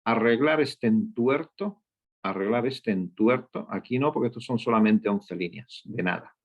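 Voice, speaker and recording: A man with a mid-range voice teaches a screen-share coding lesson at a moderate pace, explaining each step as a data instructor. Nearly every point ends with a check-in like "¿eh?" or "¿ok?". The recording has a dull, lo-fi quality.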